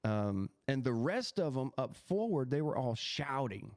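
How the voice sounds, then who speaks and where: A man hosting a podcast, telling a personal spiritual experience in an animated, halting way with many restarts. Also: mid-range voice, dry recording, clean studio sound. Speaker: podcast host.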